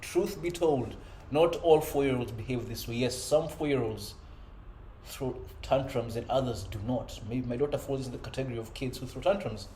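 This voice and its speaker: A father in his thirties delivers an earnest, reflective self-improvement monologue in a conversational way, frequently tossing in "you know" and "right?". His voice is mid-range and mellow at a moderate pace. The room is echoey, with faint ambient noise.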